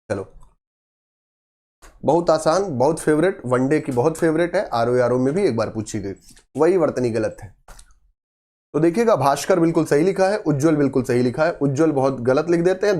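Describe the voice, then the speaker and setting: A man's voice: on the high side, lively intonation, moderate pace, a little mellow. Man quizzing and answering himself. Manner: emphatic, repeats key words. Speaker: exam prep teacher. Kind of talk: Hindi grammar lesson.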